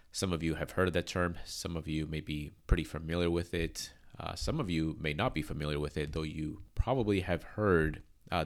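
Speaking as a pastor on his church's podcast, a man with a very deep voice sounds congested from allergies. He talks earnestly and carefully, with many fillers and restarts.

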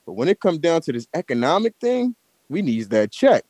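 A man's voice: a little high, very animated, brisk, a little mellow, no room sound. An American man in a heated casual debate, blunt and profane, pressing his point emphatically. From United States. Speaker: participant in an audio chat room.

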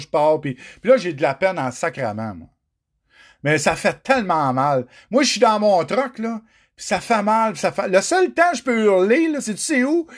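In a high voice, a middle-aged man with a Quebec French accent talks directly to the viewers. He tells his own story in a raw, emotional monologue and curses frequently.

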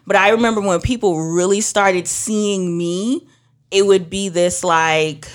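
An unhurried, mid-range voice belongs to this young minister from Trinidad, who also works in beauty. Chatting casually, she tells animated stories and plays out other people's words in different voices.

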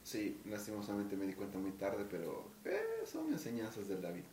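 A man's voice: fairly low pitch, huge pitch swings, moderate pace, mellow. A young man and podcast co-host who talks in a laid-back, slangy way among friends, turning reflective about a past relationship. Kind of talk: casual chat among friends. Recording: echoey bar with faint background noise.

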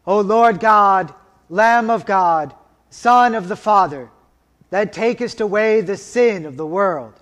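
A man chanting church liturgy as a liturgist, solemn, measured and formal, with a cathedral echo. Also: sits high, a bit bright. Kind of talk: chanted liturgy, slow and sustained. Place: large reverberant church.

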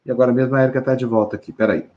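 A man's voice: medium pitch, steady tone, rapid-fire. A man with a Brazilian Portuguese accent hosting a live stream in a chatty, teasing way. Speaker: host. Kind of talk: casual live-stream chat. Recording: dull lo-fi stream audio.

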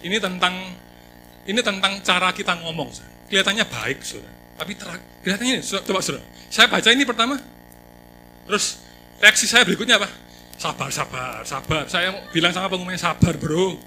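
A man delivers a sermon in a lively, storytelling manner, joking and talking straight to his listeners. His voice sits a little high. The recording carries a clear layer of background noise. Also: fast talker, poor audio. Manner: animated, jokey, addresses listeners as 'saudara'. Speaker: preacher.

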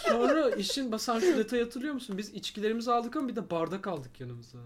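Genç bir adam, sık sık gülerek ve duyduklarını canlandırarak gündelik bir sohbette anılarını anlatıyor. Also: male voice, high voice, animated, fast, over a noisy crowd. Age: young adult. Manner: rambling, laughs often, acts out quotes. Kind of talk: casual storytelling chat.

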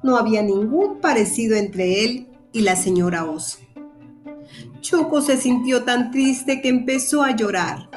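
Woman storyteller for kids: unhurried, soft, slightly high, quiet music bed. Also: expressive. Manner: gentle, slow and clear. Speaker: storyteller for children. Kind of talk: children's story narration.

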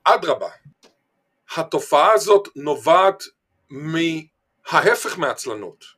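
A man's voice: fairly high pitch, sing-song, fairly bright tone, breathy edge. An Israeli man speaking emphatically in a discussion, telling anecdotes and often repeating words and phrases. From Israel, Eilat. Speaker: panel speaker on language. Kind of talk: animated discussion with anecdotes and quotes.

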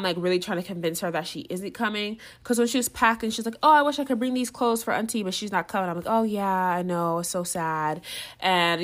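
A young woman telling a story in casual chat, full of "like" fillers, who acts out the voices of others as she talks. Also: fairly low pitch. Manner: chatty, lots of "like" fillers; animated, acts out what others said.

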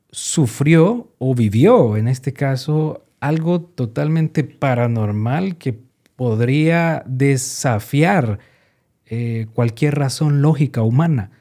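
Man, interviewer, warm mellow tone, halting questions, repeats words. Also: a little high.

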